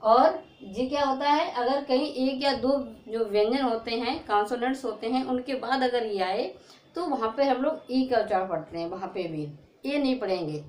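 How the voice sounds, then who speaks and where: A woman's voice: on the high side, normal speed, a little mellow. A woman teaching an English pronunciation lesson, asking questions and answering them herself. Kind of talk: classroom-style lesson. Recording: echoey room.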